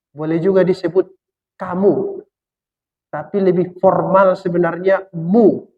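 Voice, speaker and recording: Preacher guy explaining the quran, jokey, asks then answers himself, long hall echo, muffled lo-fi sound. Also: high-pitched. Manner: colloquial, answers his own questions with humor. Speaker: Islamic preacher. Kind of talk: Quran exegesis lecture. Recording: dull lo-fi sound in a reverberant hall.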